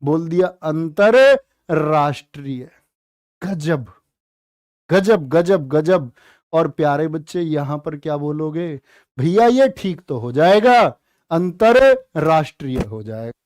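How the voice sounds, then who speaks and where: A man teaching a live online exam-prep class, joking with students and stretching words out slowly. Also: a little high, lively intonation, darkish tone, dry recording, clean studio sound. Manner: playful, teasing, drawn-out spelling of words. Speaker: Hindi teacher.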